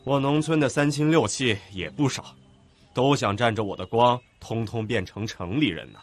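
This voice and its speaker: A man's voice: mid-range voice, moderate pace, soft background music, close to an everyday voice. An actor playing a scheming, self-satisfied retired old man in an audiobook drama, drawling and sardonic with a flavor. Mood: scornful musing. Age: older. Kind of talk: audiobook radio-drama acting.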